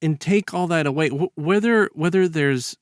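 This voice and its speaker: A man with a voice on the high side talks haltingly in a casual, reflective podcast discussion, repeating words as he builds a point. The studio sound is clean with no echo.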